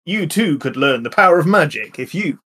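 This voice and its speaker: A man's voice: on the high side, lively intonation, fairly quick, pushed and bright, slight background noise. A man playing a tabletop game, polite and genteel in manner. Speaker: player.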